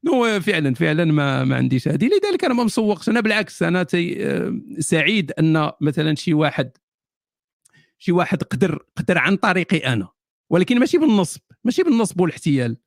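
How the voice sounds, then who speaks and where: A rapid-fire Moroccan man answers viewer questions in a loose, joking live Q&A, often breaking into laughter. His voice sits a touch high and sounds close and dry, with no room echo. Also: very animated, creaky. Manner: jokey, laughs often, sardonic asides. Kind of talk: casual live Q&A.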